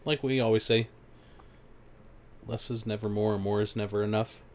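A young podcast co-host lays out the history in a loose, rambling chat, laughing easily and swearing along the way. His voice is on the low side and darkish, with a steady tone and moderate pace, plus a little hiss or hum.

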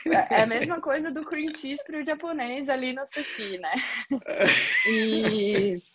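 A woman, an airline pilot telling lively anecdotes in a casual interview and laughing often. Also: sits high, takes it slowly, very noisy. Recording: slightly muffled, dry sound.

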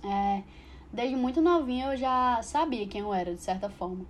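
A woman's voice: fairly high pitch, animated, moderate pace, a little hiss or hum. A young woman, chatting fondly about her youth as a guest. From Mossoró, Brazil. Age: young adult.

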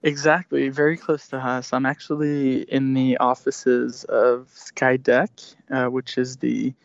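A man's voice: mid-range voice, level tone, unhurried, vocal fry, dry recording. A man in his thirties from Switzerland, a startup founder talking as a guest on a remote call, hesitant, with many fillers and restarts. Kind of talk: casual interview. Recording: dry, dull lo-fi remote audio.

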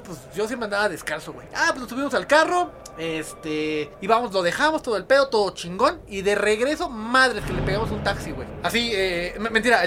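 A Mexican man telling stories in casual, slangy banter with loud, frequent laughter. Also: high voice, slight background noise. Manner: laughs loudly and often, slangy.

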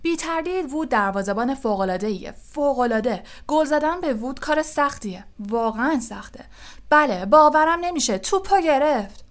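A woman voicing an excitable young male quidditch commentator in an audiobook, calling the match fast and loudly taking sides. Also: fairly high pitch, pitched above the performer's own voice, natural voice. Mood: excited. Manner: rapid, shouting, openly partisan commentary. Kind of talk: audiobook character voice.

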